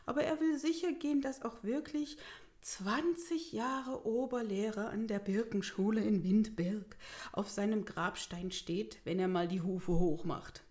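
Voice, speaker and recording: A woman's voice: medium pitch, a little slow, a little mellow, natural voice. A woman voicing a grumpy, sarcastic male wolf who works as a stonemason in a storybook reading. He answers curtly and mockingly. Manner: curt, mocking, irritable.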